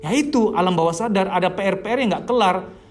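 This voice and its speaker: A man, a therapist, giving a lively, casual seminar lecture to a workshop group and putting rhetorical questions straight to his listeners. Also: high-pitched, quick pace, soft background music. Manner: casual colloquial speech mixed with teaching terms. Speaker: therapist leading a healing workshop.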